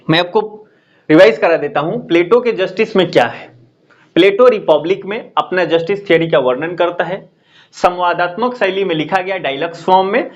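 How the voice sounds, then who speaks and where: A man's voice: high-pitched, muffled recording. A man teaching an exam-prep lecture. He explains step by step, repeats key terms and keeps checking in with "है ना?".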